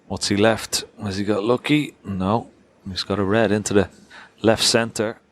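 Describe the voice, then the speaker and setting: Deep-voiced male snooker commentator. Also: steady tone, measured pace, slight background noise. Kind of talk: conversational live snooker commentary.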